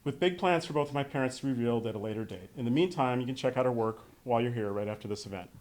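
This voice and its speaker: Opening a memorial, a middle-aged American son from Western New York State reads his prepared speech warmly and conversationally to those gathered. He speaks rapid-fire and animated, at a medium pitch with a darkish tone.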